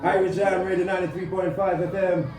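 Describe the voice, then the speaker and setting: A man's voice: high voice, little pitch movement, a little fast, crowd noise. A man hosting a radio interview in a studio, upbeat and repetitive, restarting his sentences. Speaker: radio host. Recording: echoey, distant, with music.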